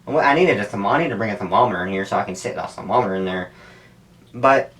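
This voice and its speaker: A man's voice: lowish voice, animated, fast talker, a bit bright. A man talking casually to camera as a YouTuber, candid and profane, wandering from thought to thought. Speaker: YouTuber making stunt videos. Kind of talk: casual rambling talk to camera. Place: indoors at home, sitting in an ice bath. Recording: distant, off-mic camera audio.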